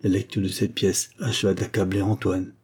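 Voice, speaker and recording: A male audiobook narrator reading a classic novel in a steady, measured way. His voice is low-pitched and dark in tone, with a slightly husky texture. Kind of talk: scripted literary narration.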